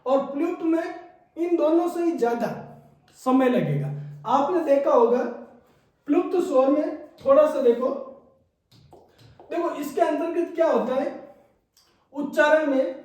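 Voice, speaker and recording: A man's voice: extremely high pitch, unhurried, long pauses, a little mellow. A man teaching Hindi grammar as a classroom lecture, repeating key points and checking in with his students. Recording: echoey room, mic far off.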